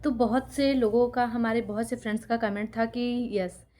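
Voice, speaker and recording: With a fairly high, mellow voice, even intonation, and moderate pace, this teacher-YouTuber from Sultanpur, India, recounts her life to her audience. She keeps it casual and conversational, regularly checking in with viewers.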